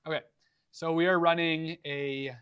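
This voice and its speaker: Young male streamer, fairly high voice, dry close sound, relaxed and rambling. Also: unhurried, clean tone, no echo. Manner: laid-back, rambling, lots of likes and ums. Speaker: livestream host. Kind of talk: casual livestream Q&A. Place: home workshop.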